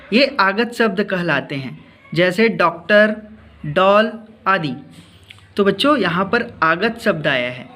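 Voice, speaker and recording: Man, teacher, high pitch, slow patient explaining, questions to the class. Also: fairly bright tone. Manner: repeats and explains slowly, asks children questions.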